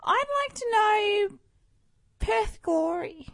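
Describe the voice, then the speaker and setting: A man putting on a gravelly dotty old Aussie lady. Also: extremely high pitch, takes it slowly, a bit bright, exaggerated voice. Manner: coos "love" at everyone, gushing and scatterbrained.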